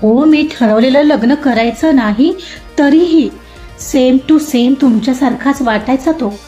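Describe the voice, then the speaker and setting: A woman voicing a lively, chatty young woman in an audio story, talking expressively to her father. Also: sits high, unhurried. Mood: wistful. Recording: roomy muffled recording, soft music.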